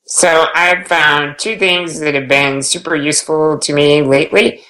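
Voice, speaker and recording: A man's voice: medium pitch, pushed and bright, poor audio. A man talks on a podcast panel in a casual, thoughtful way. He stays matter-of-fact as he explains.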